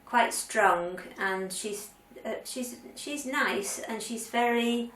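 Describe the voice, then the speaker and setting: A woman's voice: fairly high pitch, takes it slowly, fairly bright tone. A woman in her later years chatting candidly to camera in a weekly vlog, with frequent ums and restarts. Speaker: vlogger. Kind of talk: casual chat to camera. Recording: roomy sound, mic at a distance.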